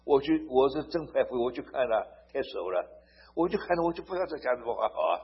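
A man preaching a sermon. He tells stories to make his points, turns emphatic and swells loud on key phrases, and often asks his listeners "好不好?". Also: mid-range voice, lively intonation, fast talker, slightly rough. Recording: dull lo-fi recording.

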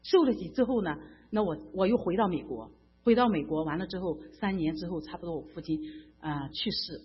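With a husky, lowish voice and a fairly quick pace, a middle-aged mainland Chinese church member tells her emotional, fervent faith story. She stammers and repeats often, and the lo-fi recording is dull.

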